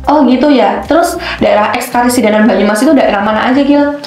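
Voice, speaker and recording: This scripted educational podcast features a young adult woman from Central Java, an intern student and co-host, asking curious follow-up questions. Her Solo-Yogya Javanese-accented voice is fairly high, a little mellow and quick. Faint music plays behind her in an echoey room.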